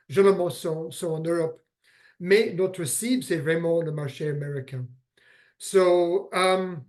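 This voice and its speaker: American guy presenting in french on a video call, higher voice, lots of euhs. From United States. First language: English. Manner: halting, many fillers and restarts. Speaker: guest speaker. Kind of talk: online business presentation.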